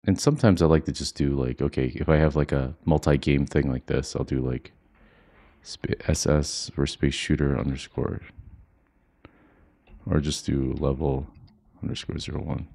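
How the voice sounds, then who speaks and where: A man teaching a software tutorial from home in a quiet, low-key monotone, walking through each step casually with plenty of fillers. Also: moderate pace, gravelly. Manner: relaxed walkthrough with frequent fillers. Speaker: coding instructor. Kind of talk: screen-recorded software tutorial. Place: home, with children asleep nearby.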